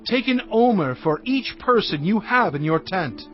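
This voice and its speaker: An actor playing Moses as a stern, commanding leader in a solemn, declamatory dramatized scripture reading. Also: male voice, high-pitched, lively intonation, moderate pace. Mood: solemn, emphatic. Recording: dull band-limited audio with music.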